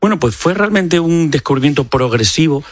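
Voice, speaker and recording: A man's voice: on the high side, expressive, a little fast, dry recording. A man from Extremadura, an eye doctor, explaining as a guest in a radio studio interview, with many fillers and restarts. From Extremadura, Spain. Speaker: ophthalmologist guest. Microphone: studio microphone.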